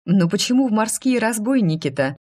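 A woman's voice: deep voice, expressive, moderate pace, a little mellow. A woman voicing a wry, self-assured adult woman who teaches history, with a dry, matter-of-fact delivery in an audiobook reading. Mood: heated.

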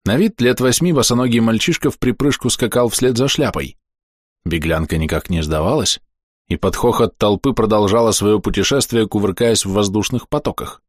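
A man reading a fantasy novel aloud as an audiobook narrator, measured and expressive, slowing down for dramatic moments. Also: on the low side, no room sound, studio quality. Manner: measured, expressive storytelling with slowed dramatic pauses.

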